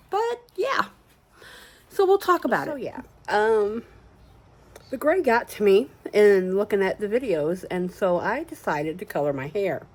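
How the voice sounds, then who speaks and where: A woman in her sixties talks casually to her viewers in a home vlog. Her voice sits at an ordinary middle pitch, and she rambles along in a chatty way, breaking into easy laughs. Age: 60s. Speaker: sewing and crafts vlogger. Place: at home and out running errands.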